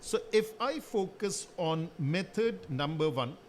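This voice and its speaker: A man's voice: a little high, lively intonation, unhurried, a little hiss or hum. A man teaching a maths lesson, working through an exam problem step by step and asking and answering his own questions as he writes. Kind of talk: worked-solution lesson.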